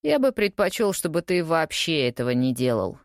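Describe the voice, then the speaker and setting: A woman's voice: sits low, moderate pace, no echo. A woman reading the part of a suave, unflappable English lawyer with dry, teasing wit in an audiobook. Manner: calm, teasing, deadpan.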